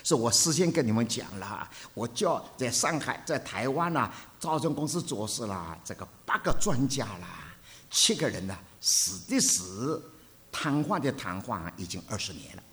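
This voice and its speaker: An older male preacher gives a sermon. His pitch leaps and falls widely, and he moves from loud to hushed as he tells stories. The delivery is very lively. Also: normal speed. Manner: animated storytelling with sharp swings between loud and hushed.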